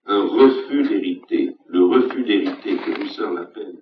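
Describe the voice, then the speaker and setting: A man giving a university lecture in a measured, emphatic way, repeating his key phrases for weight. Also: fairly low pitch, a little hiss or hum. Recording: roomy, distant, dull lecture-hall recording.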